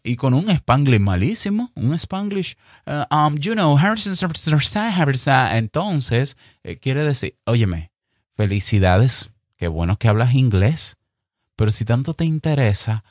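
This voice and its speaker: Clear-spoken Dominican man giving podcast advice. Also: medium pitch, darkish tone, dry recording, clean studio sound. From Dominican Republic. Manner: emphatic, direct, speaks slowly and clearly on purpose. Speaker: podcast host. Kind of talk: advice talk to fellow podcasters.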